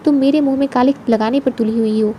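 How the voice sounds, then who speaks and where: A woman's voice: high voice, steady tone, fast talker, dark tone, a little hiss or hum, lightly acted. A woman voicing a suspicious, jealous husband who scolds his wife. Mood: accusing. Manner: accusing, scolding.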